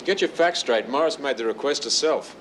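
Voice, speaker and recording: A man's voice: mid-range voice, lively intonation, fairly quick, a bit bright, slight background noise, close to an everyday voice. An actor with an Australian accent playing a brusque, commanding male prison officer in a television drama. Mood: stern. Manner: curt, commanding. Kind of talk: 1970s TV drama acting.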